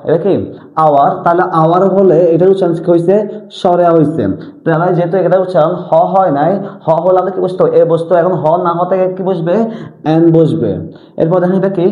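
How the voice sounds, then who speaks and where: A man's voice: sits high, fairly even intonation, fast talker. A man teaching an English grammar lesson, repeatedly asking and answering his own questions. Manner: repetitive question-and-answer drilling. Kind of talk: classroom-style lesson explanation. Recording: tinny lo-fi audio in an echoey room.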